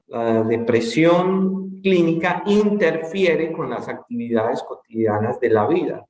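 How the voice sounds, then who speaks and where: A man giving a conference lecture, explaining calmly and repeating key points. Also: a little high. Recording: roomy echo.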